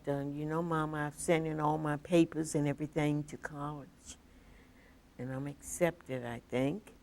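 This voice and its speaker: A woman's voice: sits low, gravelly. An older woman telling stories from her life in an oral history interview, acting out what people said. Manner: vivid, acts out quoted dialogue. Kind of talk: personal storytelling.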